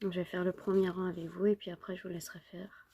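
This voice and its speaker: A woman who is a little sick, giving an informal knitting tutorial step by step in an unhurried way. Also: on the low side, little pitch movement, warm tone, a little hiss or hum. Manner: unhurried, counting and repeating steps. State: slightly sick, under the weather with a cough.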